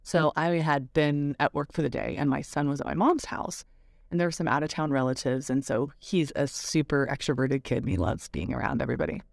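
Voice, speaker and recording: A woman's voice: low-pitched, a little fast, gravelly, no room sound, studio quality. A woman hosting a parenting podcast, telling a personal story in a candid, reflective, casual way.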